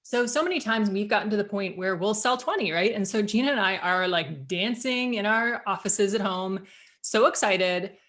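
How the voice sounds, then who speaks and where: Woman, podcast co-host, casual chat, animated, filler-heavy. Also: medium pitch, moderate pace. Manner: chatty and animated, with many fillers and restarts.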